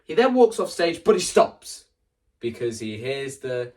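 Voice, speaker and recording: Describing a stage production in an animated vlog, a content creator rambles, acting out scenes and quoting lines along the way. His medium-pitched, sing-song voice is darkish and a little slow, picked up by a distant mic.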